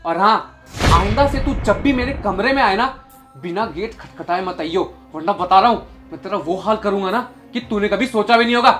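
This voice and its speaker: In this short-film scene, a young actor plays an arrogant, quick-tempered boss harshly scolding his maid in anger and contempt. His voice sits high and fairly bright at a moderate pace, faint music playing underneath.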